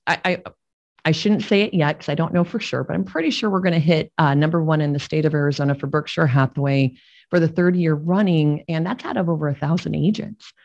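A middle-aged woman speaks as a podcast guest, retelling personal stories in a heartfelt, conversational way. Her voice sits a little low for a woman. The audio is dull and lo-fi. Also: vocal fry, a little mellow. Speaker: real estate agent and podcast guest. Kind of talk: podcast interview storytelling.

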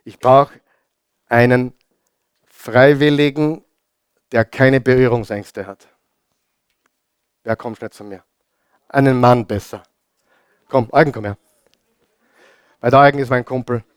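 A man preaching a sermon, talking informally to his congregation and sinking into soft whispers for emphasis. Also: mid-range voice, fairly even intonation, takes it slowly, pauses often, smooth, no echo. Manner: informal, addresses congregation directly. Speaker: pastor.

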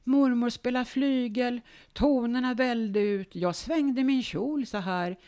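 Eager elderly mother, higher voice, slow lively storytelling, as a woman puts her on. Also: lightly acted. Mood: wistful.

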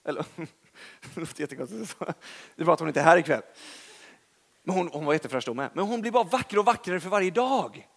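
A young man's creaky, high-leaning voice carries a Swedish accent and long pauses as he preaches. He tells his sermon like a chatty story, laughing at himself and stressing points in a lively way.

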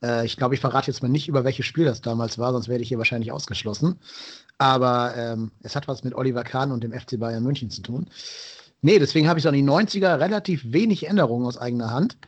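Husky man hosting a podcast. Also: medium pitch, fast, dull audio. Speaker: podcast host.

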